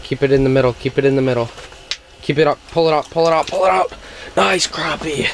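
A man's voice: on the high side, fast talker, creaky, a little hiss or hum. A young man hosting a casual fishing vlog, upbeat and coaching his cousin with short repeated cheers, recorded on an action camera inside a small ice shelter. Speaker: outdoors channel host.

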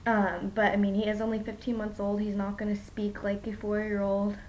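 A woman's voice: mid-range voice, monotone, fairly quick, darkish tone, slight background noise. A young mother giving a casual home video update about her toddler, chatty and rambling with many ums, tired after a poor night's sleep. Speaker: young mom vlogger.

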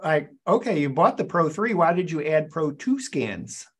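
A man's voice: fairly high pitch, sing-song, breathy edge. Older man hosting a video call interview. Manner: halting, repeats words while forming questions. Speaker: interview host.

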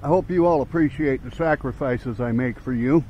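A man's voice: mid-range voice, normal speed. A man speaking without teeth or dentures, hosting a casual video outdoors in a parking lot. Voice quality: toothless speech, no dentures in. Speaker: video host. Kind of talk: casual talk to camera. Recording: dull lo-fi outdoor recording, traffic noise.

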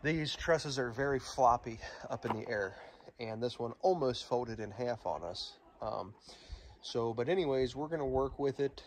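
A man in his thirties, outdoors at a building site, casually explaining the work he is doing, relaxed and thinking aloud. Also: medium pitch, moderate pace, slight background noise. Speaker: DIY barn builder.

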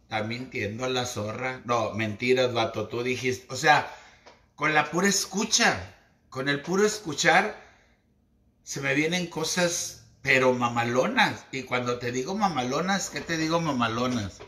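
Mexican guy chatting on a livestream, slangy and dramatic, bright voice, slow, echoey room. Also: medium pitch, expressive. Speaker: esoteric livestream host. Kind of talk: casual livestream monologue.

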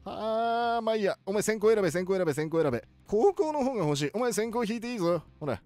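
A man voicing an excitable elderly cartoon professor, giving playful video game commentary with drawn-out words. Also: sits high, no echo. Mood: impatient. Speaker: gaming video host.

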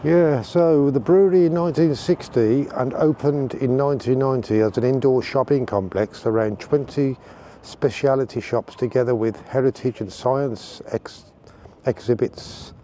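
A man giving a casual outdoor walking tour, relaxed and rambling with fillers. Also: medium pitch, normal speed, slight background noise. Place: outdoors on town streets.

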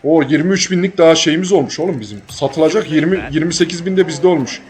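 Rowdy high-voiced young man gaming. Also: fast talker, slightly rough, soft background music. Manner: rowdy, swearing, yelling at the game. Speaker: gaming channel host. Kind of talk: let's play commentary.

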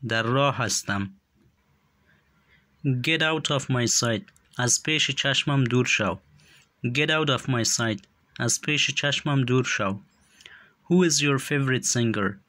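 A man teaching English phrases one by one, saying each slowly and clearly and then translating it more quickly. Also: mid-range voice, pushed and bright, no echo. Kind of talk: slow phrase-by-phrase language lesson.

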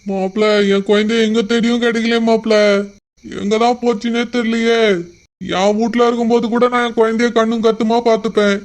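A man's voice: very high voice, level tone, a little fast. A man voicing a worried older father-in-law in a cartoon, lamenting his missing daughter. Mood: anxious. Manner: anxious, lamenting.

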